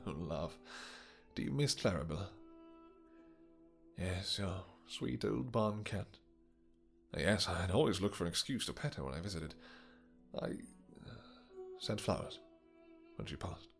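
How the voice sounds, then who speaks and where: A man performs a possessive, vengeful vampire king in a fantasy romance audio roleplay. His voice sits low, with music behind it. He speaks in courtly, archaic turns, pausing hesitantly and dropping tender endearments. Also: lively intonation, gravelly, exaggerated voice. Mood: tender, amused. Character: doting, possessive, vengeful male vampire king with horns and wings.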